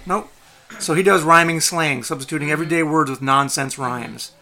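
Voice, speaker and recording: A game master narrating a tabletop game, reading out scene descriptions in a bright, crisp voice. The pitch is mid-range and the delivery is descriptive and steady. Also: normal speed. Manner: descriptive, reads scene text aloud.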